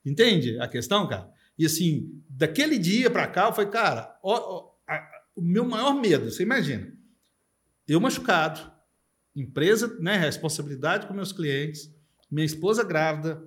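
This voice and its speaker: A man's voice: on the high side, very animated, normal speed, a bit bright. A middle-aged man from Brazil telling his own story in casual podcast chat, emphatic, asking "you know?" after his points. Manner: emphatic, fillers like "cara" and "entendeu".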